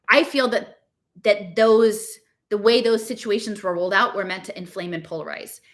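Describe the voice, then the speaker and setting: A medium-pitched, sharp-toned American woman hosts a podcast, reading her blog aloud and commenting on it. To her online listeners she gives an informal, heated monologue, emphatic and exasperated, rambling through rhetorical questions.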